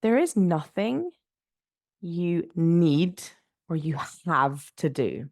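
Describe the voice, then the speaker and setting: Speaking extremely slowly in a lowish voice, a young woman hosts a relaxed solo podcast from her spare room. Blocked sinuses make her congested and nasal, and she rambles with frequent "like" fillers and light laughs over a dry recording.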